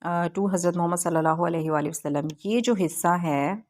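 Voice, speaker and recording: A woman teacher walking students through a textbook exercise step by step, reading English lines slowly with frequent pauses. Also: lowish voice, darkish tone. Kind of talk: textbook lesson walkthrough.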